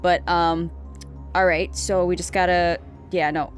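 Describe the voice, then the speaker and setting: A woman's voice: lowish voice, flat delivery, measured pace, soft background music. A young adult woman giving casual role-play commentary as host of a gaming video.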